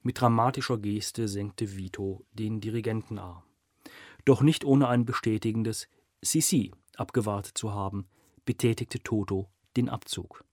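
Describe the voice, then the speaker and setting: A male narrator reads a crime novel aloud in a mid-pitched voice, measured and steady, leaning into dramatic moments. The recording is close and dry, with no room echo. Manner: measured storytelling with dramatic emphasis.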